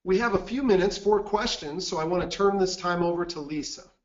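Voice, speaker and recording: A man giving a seminar presentation, telling a mission-trip story in an earnest, measured way. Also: sits high, dull audio. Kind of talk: webinar presentation with anecdote.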